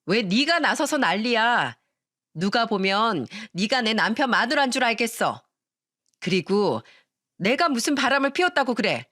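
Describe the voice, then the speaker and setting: Sly lying wife, a lady narrator doing her, slow fake-sweet voice, swings high and low, dry sound. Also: very animated, a bit bright, no echo. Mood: defiant. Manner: slow, sugary fake concern, turning cold and defiant. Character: scheming two-faced young wife, man's spouse.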